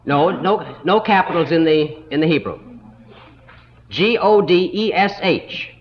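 A man teaching a Bible school lesson in a slow, deliberate way, stopping to spell out words letter by letter, heard on an old 1960s tape recording. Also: on the high side, animated, dull audio, slight background noise.

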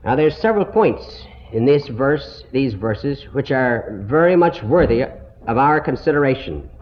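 A man delivers a Bible lesson in a slow, deliberate teaching manner. His voice sits fairly high and moves a lot in pitch. It comes through a dull, muffled old tape recording. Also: lively intonation, a little hiss or hum.

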